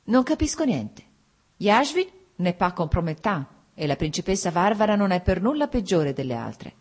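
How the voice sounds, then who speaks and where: A woman's voice: on the low side, very animated, moderate pace, breathy edge. A woman reading an audiobook, voicing a defiant, impassioned young noblewoman who pleads and protests heatedly.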